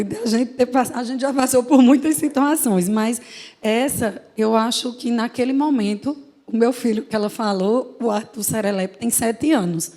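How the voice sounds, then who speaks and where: Earnest woman with a higher voice. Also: warm tone. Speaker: panelist. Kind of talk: panel discussion.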